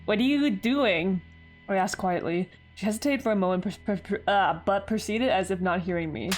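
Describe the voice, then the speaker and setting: A woman's voice: mid-range voice, a little fast, faint music behind. A woman hosting a game playthrough, reading the story aloud with chatty, giggly asides. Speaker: let's play host. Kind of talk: reading a visual novel aloud with commentary.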